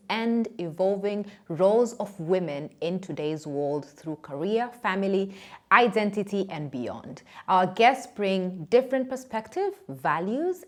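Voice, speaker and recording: Woman, podcast host, panel moderator, measured, deliberate. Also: mid-range voice.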